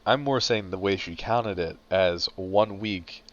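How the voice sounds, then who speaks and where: Male co-host, lowish voice, deadpan teasing, dull lo-fi recording. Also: measured pace. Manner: dry teasing. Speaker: podcast co-host. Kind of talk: casual chat. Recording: dull lo-fi audio.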